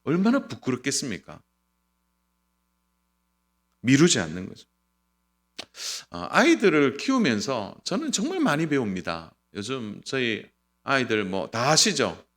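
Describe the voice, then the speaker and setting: A middle-aged male pastor giving an earnest sermon, swinging between loud and soft. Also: mid-range voice, a little slow, pauses often. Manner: lively, earnest preaching with sudden loud and soft turns.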